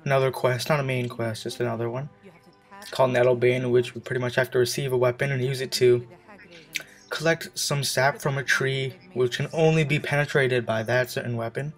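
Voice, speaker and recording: A man's voice: medium pitch, fairly even intonation, fairly quick. A young man out of breath, giving casual, rambling gameplay commentary with lots of fillers and self-corrections.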